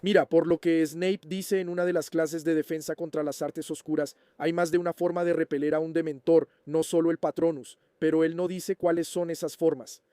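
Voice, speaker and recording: Man, casual host, answering viewer questions, chatty, warm tone, dry close sound. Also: a little high, little pitch movement, normal speed, few pauses, clean tone, no room sound. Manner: chatty, keeps checking in with the listener. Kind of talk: casual explanatory chat.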